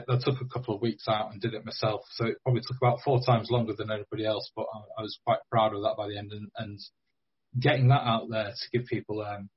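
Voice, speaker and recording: A man's voice: fairly low pitch, breathy edge. A man, a game creator talking as a podcast guest, hesitant with many ums and restarts, on dull lo-fi remote audio. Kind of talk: casual interview chat.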